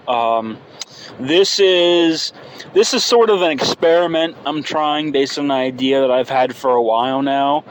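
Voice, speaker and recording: A man in his early twenties talks off the cuff in a rambling, hesitant way, as if working out his thoughts aloud. His voice sits at an average male pitch. It is a phone recording made inside a car, with clear noise behind him. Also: low-quality recording. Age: early 20s. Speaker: podcast host. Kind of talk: unscripted casual solo podcast monologue. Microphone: phone microphone.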